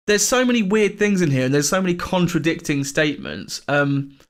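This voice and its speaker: A man's voice: fairly high pitch, lively intonation, normal speed. A young man co-hosting a casual podcast, laughing often and swearing as he reads out odd news stories. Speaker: podcast co-host.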